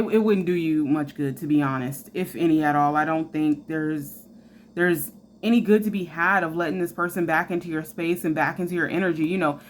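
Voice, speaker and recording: A woman's voice: on the low side, slight background noise. A woman giving a casual tarot reading, talking in a chatty, frank way with many fillers. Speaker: tarot reader.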